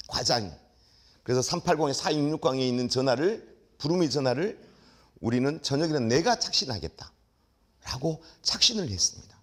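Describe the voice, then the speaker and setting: A man's voice: mid-range voice, normal speed. A middle-aged man giving a lecture, telling a story dramatically and acting out the dialogue. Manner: animated, acts out dialogue with shouts.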